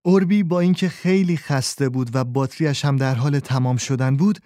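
A man narrating a children's storybook in a calm, measured reading voice, close to the mic. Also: medium pitch, dry recording.

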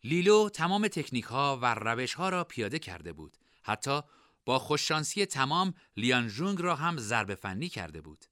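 A man narrating a novel as an audiobook, with expressive, varied storytelling. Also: mid-range voice, no echo, clean studio sound. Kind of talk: scripted narration.

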